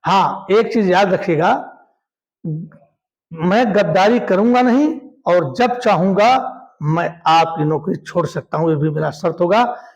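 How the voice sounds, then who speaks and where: A man's voice: sits high, lively intonation, unhurried. A man voicing a defiant young Rajput warrior prince who speaks firmly and proudly. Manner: proud, firm.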